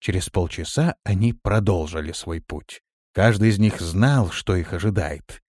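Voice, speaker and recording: A man reading an audiobook as narrator, with expressive delivery. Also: on the low side, no echo, clean studio sound. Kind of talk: scripted narration.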